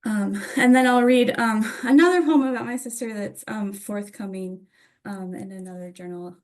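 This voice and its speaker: A woman's voice: medium pitch, moderate pace. A woman from Atlanta reading her own poetry at a literary reading, with informal introductions to each piece. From Atlanta, United States. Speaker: poet reading own work.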